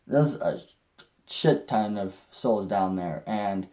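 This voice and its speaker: A young man tells a personal story to camera at an unhurried pace. His voice is dark and mellow. He rambles, restarts his sentences and swears now and then. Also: lowish voice, animated. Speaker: vlogger.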